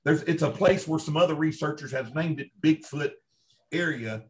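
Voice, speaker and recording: Man, Kentucky accent, somewhat high pitch, conversational storyteller, folksy, emphatic repetition, interview guest. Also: moderate pace. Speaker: interview guest, Bigfoot researcher. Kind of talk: conversational first-hand storytelling.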